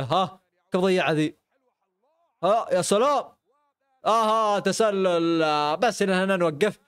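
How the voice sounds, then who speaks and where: A man's voice: sits high, smooth, no echo, studio quality. A young man from Arabia, reacting to football clips with frequent exclamations and laughter. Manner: excitable, exclaims and laughs often. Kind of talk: live reaction commentary.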